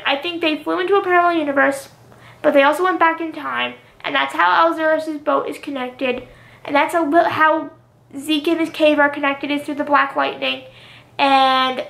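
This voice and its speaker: A young woman vlogging casually, rambling and filling gaps with "um" and "literally", a little hoarse from talking a long time. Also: sits high, fairly bright tone, echoey room. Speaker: YouTuber. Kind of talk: casual vlog monologue.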